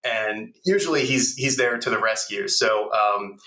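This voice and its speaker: A man's voice: fairly low pitch, unhurried, pushed and bright, roomy sound. A man hosting a podcast conversationally, with a tinny, metallic tin-can sound from a backup recording device. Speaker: podcast host. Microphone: backup device, not the close microphone.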